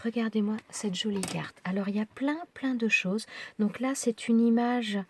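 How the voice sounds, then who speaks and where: A woman's voice: a little high, steady tone, moderate pace, creaky, a little hiss or hum. A middle-aged woman vlogging at home, chatting hesitantly as she opens her mail, with small whispered asides. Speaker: craft vlogger. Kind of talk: casual unboxing chat.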